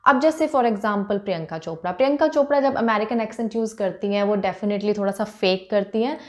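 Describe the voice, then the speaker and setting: Talking to camera at a fairly quick pace, this Indian-accented vlogger in her thirties mixes Hindi and English casually and leans on frequent fillers. She is a woman from India whose mid-range voice has a darkish tone.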